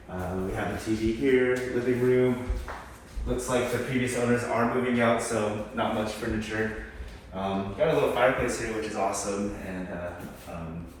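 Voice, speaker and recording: A man giving a casual, low-key walk-through house tour as a real estate agent, tentative and mildly approving. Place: inside a mostly empty house, walking through. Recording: echoey empty rooms, distant mic, background noise.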